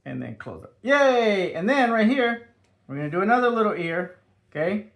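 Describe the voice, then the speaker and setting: A man with a high, light voice walks children through a drawing lesson one step at a time. He keeps things upbeat and sing-song, tossing in little whooshes and boops as he sketches. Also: big pitch swings, brisk, vocal fry. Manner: upbeat, sing-song, adds playful sound effects.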